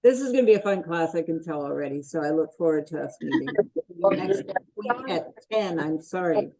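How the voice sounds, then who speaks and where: A woman's voice: deep voice, animated, brisk, vocal fry, mellow, poor audio. A woman teaching a college class online, calling roll and chatting in an informal, jokey way. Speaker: college instructor.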